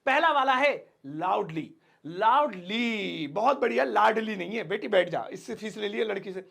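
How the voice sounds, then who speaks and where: High gravelly male teacher. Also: animated, fairly bright tone. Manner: joking, playful, drawn-out example words. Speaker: English teacher. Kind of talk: casual video lesson.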